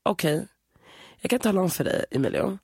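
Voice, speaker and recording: A woman's voice: lowish voice, expressive, gravelly, breathy edge, no echo, studio quality. A young woman hosting a podcast, telling a story dramatically and laughing through it. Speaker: podcast host. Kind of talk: animated storytelling.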